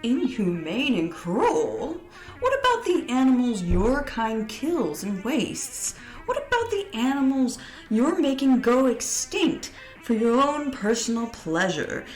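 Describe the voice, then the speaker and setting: A woman voicing a cold, mocking male alien invader who speaks slowly and taunts his captives. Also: high-pitched, sing-song, echoey room, faint music behind, voice pushed up. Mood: menacing. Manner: slow, sneering, taunting.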